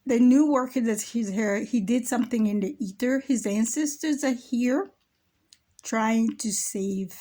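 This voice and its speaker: A middle-aged woman with a slightly high voice tells her spiritual experiences at an unhurried, drawn-out pace. She shifts between soft, hushed asides and loud, animated exclaims, and keeps checking in with "okay?" and "you know". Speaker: spiritual YouTuber. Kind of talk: casual spiritual storytelling. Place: home at night.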